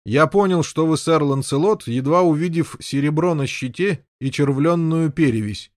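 A loud, brutish knight bellows with raised, coarse force, as a man puts him on. His voice climbs high and hard. The sound is dry and close. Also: normal speed, no room sound, natural voice. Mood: scornful. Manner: shouting, coarse. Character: angry jealous male knight, brutish and loud.

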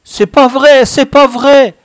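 A man reading a storybook who voices a frightened boy stammering shrill denials in a high, loud voice. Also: fairly even intonation, slow pace, dry recording, studio quality. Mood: panicked.

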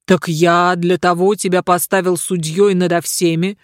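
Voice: mid-range voice, flat delivery, moderate pace, no room sound, studio quality, lightly acted. A reader voicing a stern male caliph who passes judgment in an audiobook, speaking in a commanding way. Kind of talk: audiobook reading.

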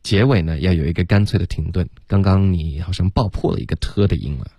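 Deep-voiced man coaching pronunciation. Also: gravelly, mellow, slightly rough, dry recording, muffled recording. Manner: patient, corrective, repeats sounds slowly to model them; mixes English words into explanations.

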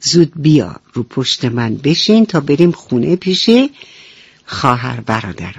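A woman voicing a gentle, caring mother duck in a children's bedtime storybook reading, speaking softly and soothingly. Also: sing-song, vocal fry, breathy edge, no room sound, exaggerated voice. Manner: soft, low and soothing. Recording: dull lo-fi radio recording.

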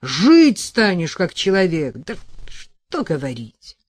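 Man doing a burly blunt man, loud, gruff, dry close sound. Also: high-pitched, huge pitch swings, slow pace, no echo, heavily acted. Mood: exasperated. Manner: shouting, gruff.

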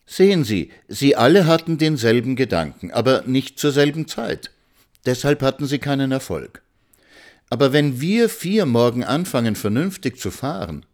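A man voicing a polite, earnest and idealistic woman in a storybook reading, with a raised pitch. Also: sing-song, normal speed, darkish tone. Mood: persuasive.

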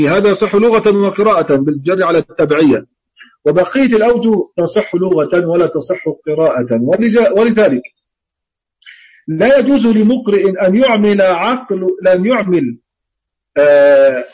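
A man's voice: high voice, darkish tone, breathy edge, lo-fi sound. A man teaching Quran recitation in an online lesson, explaining patiently, repeating key words and intoning example readings.

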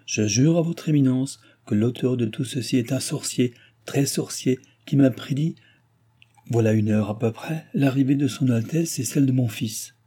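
A man's voice: medium pitch, moderate pace, dark tone, husky, close to an everyday voice. A man voicing an earnest, insistent elderly baron, pleading emphatically, read as an audiobook figure.

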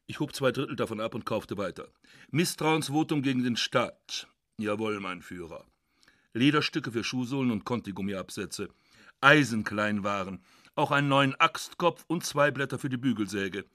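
A man reads first-person literary prose for a radio feature in a measured, quietly ironic manner. His voice sits at a middle pitch, and the dry studio recording keeps it close and plain. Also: animated, no echo. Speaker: narrator.

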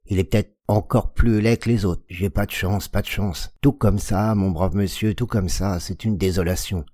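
A man voicing a shrill, furious peasant woman. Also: fairly even intonation, normal speed, dry recording, studio quality. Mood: whining. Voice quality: strained high falsetto. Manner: whining, hypocritical, turning to furious shouting. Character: robust, hateful peasant woman of about forty. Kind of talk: audiobook reading.

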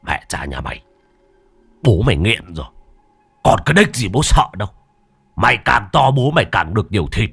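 A man voicing a coarse, swaggering male gang boss who curses and talks fast. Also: on the low side, sing-song, a bit bright, soft background music, exaggerated voice. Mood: defiant. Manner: gruff, cursing, fast.

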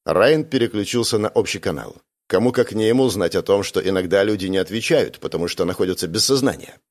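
A man reading first-person science fiction narration in an even, steady storytelling voice. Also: on the low side, fast. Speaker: audiobook reader.

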